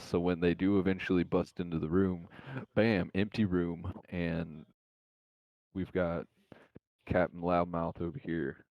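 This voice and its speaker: A man joking his way through a tabletop game session. His voice is very deep and gravelly, and he swears freely while pitching plans. The sound is dry and close. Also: no room sound, lo-fi sound. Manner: joking, profane banter. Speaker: player. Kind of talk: casual chat while playing a tabletop game.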